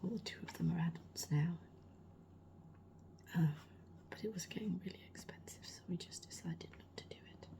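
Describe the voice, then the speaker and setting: Gravelly whispering woman. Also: fairly low pitch, normal speed. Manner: soft rambling whispered chat. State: slightly losing her voice. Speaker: ASMR creator. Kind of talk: whispered role-play.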